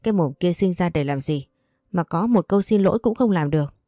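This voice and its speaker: A woman's voice: on the low side, lively intonation, fairly quick, warm tone, no room sound, studio quality, soft background music, natural voice. A woman doing a domineering mother-in-law. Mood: furious. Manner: scolding, domineering, insulting. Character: harsh older mother-in-law, domineering and furious.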